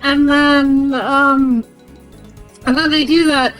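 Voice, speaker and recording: Young woman, streamer, high voice, rambling, profane, lots of fillers, faint music. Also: steady tone, takes it slowly, fairly bright tone, low-quality recording. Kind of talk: casual game recap.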